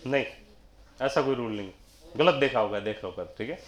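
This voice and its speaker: A man's voice: medium pitch, lively intonation, a little fast, roomy sound. A male teacher giving a classroom lecture, asking the class questions and answering them himself. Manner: quizzing students, answering his own questions.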